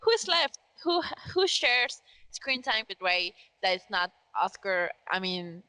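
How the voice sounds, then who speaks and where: A woman's voice: medium pitch, very animated, unhurried, pushed and bright, smooth, dry recording, poor audio. A woman co-hosting a casual fan podcast, talking emphatically and sarcastically, full of "like" and "you know". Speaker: podcast co-host.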